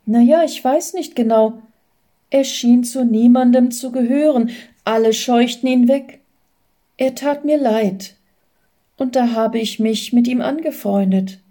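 A woman voicing a gentle young wife in a storybook reading, speaking softly and tenderly. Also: fairly high pitch, measured pace, natural voice.

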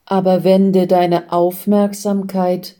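A woman voicing a calm, patient female guide who gently instructs a doubting man. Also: on the low side, slow. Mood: gentle.

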